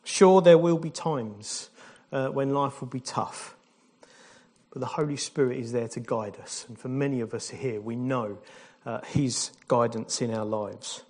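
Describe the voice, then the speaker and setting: A man gives a relaxed baptism sermon, dropping in jokes, fillers and restarts as he goes. He speaks at an everyday middle pitch, addressing a church congregation. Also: measured pace. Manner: informal, jokey preaching with fillers and restarts. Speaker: pastor.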